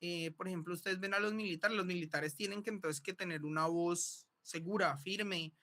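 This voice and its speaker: A man's voice: high voice, fairly even intonation, moderate pace, sharp tone. A man teaching a voice workshop, explaining step by step and checking in with his students. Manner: explanatory, often checks in with "¿listo?" and "¿sí?". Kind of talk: classroom lecture.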